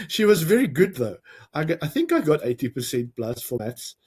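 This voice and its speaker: A man with a South African accent giving a lively, conversational talk to parents, explaining ideas with jokes and acted-out examples. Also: fairly high pitch, slightly rough. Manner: lively, conversational, jokes and acts out quoted lines. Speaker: parenting coach and teacher. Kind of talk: educational talk to camera.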